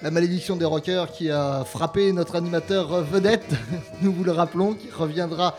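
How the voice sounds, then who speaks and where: A man's voice: a little high, steady tone, normal speed, over music, lightly acted. A man putting on the voice of a pompous radio announcer with grand mock-solemn delivery.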